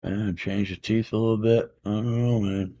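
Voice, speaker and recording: Showing off a comic he won at auction, a man with a low, gravelly voice chats at a normal pace in a relaxed, rambling way. He fills gaps with "uh," tosses in "man" and "I can dig it," and the dull lo-fi home camera audio comes from a room decorated with comic art.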